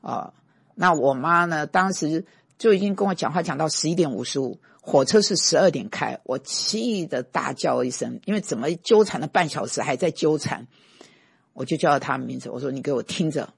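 A middle-aged man preaches in a chatty, story-driven way, his voice gravelly with a husky edge. He leans hard on key points in forceful bursts. The sound is close and dry, with no room echo. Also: on the high side, expressive, normal speed. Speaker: pastor and teacher. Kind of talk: conversational sermon with personal stories.

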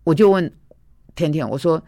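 A woman's voice: sits low, expressive, normal speed, dark tone, dry recording, studio quality. A woman preacher giving a conversational, storytelling sermon, recounting arguments and dialogues from her own life.

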